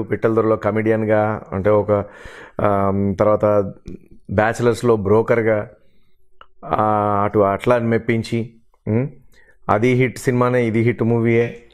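A middle-aged mimicry artist and actor speaks earnestly and with hurt feelings in an emotional interview, listing at length the roles he has played. His voice is on the low side with a clean tone.

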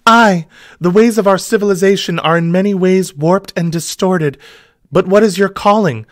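A man's voice: high voice, moderate pace, no echo, clean studio sound, pitched above the performer's own voice, lightly acted. A man putting on a sultry noblewoman. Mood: mock sultry.

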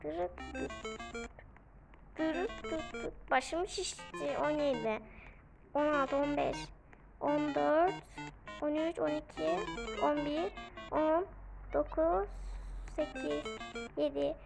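Very high-pitched excitable female gamer. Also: takes it slowly, creaky, pauses often, low-quality recording. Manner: playful, excitable, shrieks and counts aloud. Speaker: gaming video creator. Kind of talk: casual gameplay commentary. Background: game music.

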